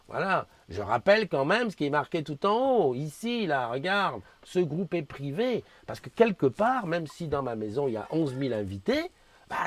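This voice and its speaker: A man hosts a casual live morning stream, rambling and restarting as he greets viewers and reads their comments. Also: fairly high pitch. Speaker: host of a live community morning show.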